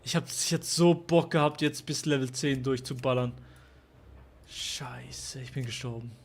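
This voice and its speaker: A man's voice: medium pitch, normal speed, gravelly. A young man live-streaming a video game, swearing and venting his frustration to his chat. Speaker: gaming streamer.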